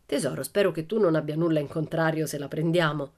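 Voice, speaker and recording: A woman doing a hushed rough burglar. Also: sits low. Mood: hushed menace. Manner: hushed, slow, wheedling threats. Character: rough dark-haired male burglar.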